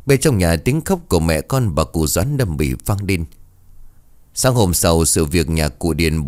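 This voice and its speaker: A man tells a ghost story with expressive, dramatic delivery. His voice is deep and swings through a wide, lively pitch range. The recording is dry and close. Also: no room sound.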